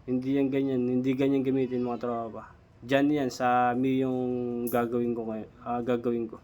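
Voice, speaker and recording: A man's voice: medium pitch, little pitch movement, moderate pace, dark tone, a little hiss or hum. A Filipino man giving a casual hands-on tool demo as a DIY mechanic vlogger, informally addressing viewers, his speech slightly slurred by missing front teeth.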